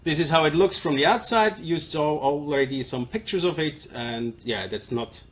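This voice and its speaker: Halting man with a broad Swiss German accent. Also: a little high, animated. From Switzerland. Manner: halting and hesitant, apologetic non-native English speaker. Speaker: presenter of a product demonstration. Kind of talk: informal live product presentation. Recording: live stream with clear background noise.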